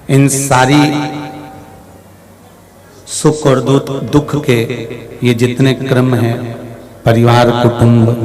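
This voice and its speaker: Slow-preaching man over music. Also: mid-range voice. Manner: slow, rhythmic, repeats phrases for emphasis. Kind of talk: devotional sermon. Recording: live religious gathering with music behind.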